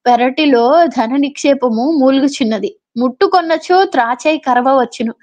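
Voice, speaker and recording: High-voiced woman reading an old novel. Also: a little mellow. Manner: reads old literary prose, adds casual explanations. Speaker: storyteller. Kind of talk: reading a classic novel aloud with asides. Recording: dull lo-fi audio.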